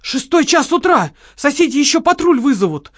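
A woman voicing a quick-tempered, sarcastic young woman in an audiobook, scolding and bossing her partner. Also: fairly high pitch, very animated, no room sound, clean studio sound. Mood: alarmed.

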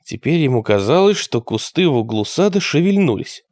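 A man narrating an audiobook in an expressive storytelling manner. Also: a little high, a little fast, dry recording, clean studio sound.

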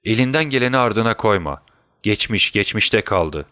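A man's voice: lowish voice, expressive, moderate pace, bright, forceful tone, no echo, studio quality. A man voicing a brilliant detective who fakes a deadly illness, switching between urgent orders and weak whispers. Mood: feeble, whispering. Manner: urgent commands, then feeble whispers. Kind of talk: audiobook character voice.

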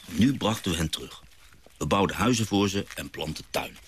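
An actor playing a gentle father and naturalist who tells stories of his sea voyage, in a radio drama. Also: low-pitched, a little fast, slight background noise, lightly acted.

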